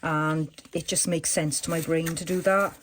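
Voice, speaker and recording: A woman's voice: low voice, fairly even intonation, normal speed, a little hiss or hum. A woman chatting casually at her home craft desk, rambling and thinking aloud with lots of fillers as she works on a journal page.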